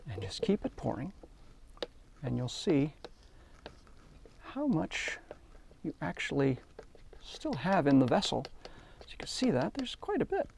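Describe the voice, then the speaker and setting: A man's voice: on the high side, wildly swooping pitch, unhurried, gravelly, long pauses, darkish tone, a little hiss or hum. A man demonstrating a hands-on hobby technique, chatty and enthusiastic as he narrates while working. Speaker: hobby instructor. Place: workshop.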